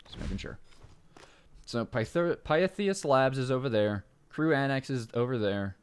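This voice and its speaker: With a clean tone and normal speed, a man rambles casually through commentary on the game he's playing for a let's play. He interrupts himself, leans on fillers, and jumps up in pitch when thrilled.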